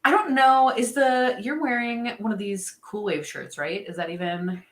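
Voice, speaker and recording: A woman's voice: on the high side, normal speed, roomy sound. A woman co-hosting a fishing livestream, chatting casually and upbeat about gear, laughing often. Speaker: co-host of a fishing show.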